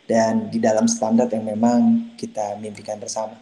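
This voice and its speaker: Middle-aged guy, doctor on a podcast, thinks out loud, kinda rambly but careful. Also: lowish voice, monotone, moderate pace. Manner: thoughtful, explains at length with hedges and restarts. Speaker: researcher and doctor, podcast guest. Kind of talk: casual conversational interview.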